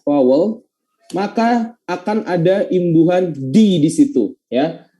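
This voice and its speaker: A young man tutoring pronunciation online, his voice slightly high yet deeply dark and mellow. He explains patiently and says the example phrases again and again at a slow, careful pace. English phrases slip into his teaching talk. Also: poor audio.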